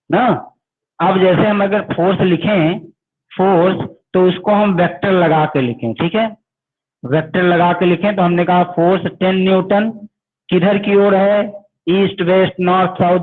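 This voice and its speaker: Man teaching in a tinny recording. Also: high-pitched. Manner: addresses students as "beta", asks questions and answers them himself. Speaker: physics teacher. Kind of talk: online class lecture. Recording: tinny phone-like audio.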